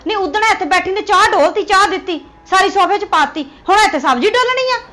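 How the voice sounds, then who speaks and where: A sharp-tongued Punjabi daughter-in-law, played by a woman, with a very high voice and a bright, cutting edge. She scolds and dismisses the old mother in this family drama. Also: expressive, quick pace, full character voice.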